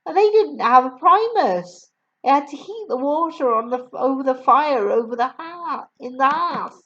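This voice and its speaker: A woman voicing a kind, gentle schoolteacher in a storybook reading. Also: high voice, animated, moderate pace, muffled recording, pitched above the performer's own voice. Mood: matter-of-fact.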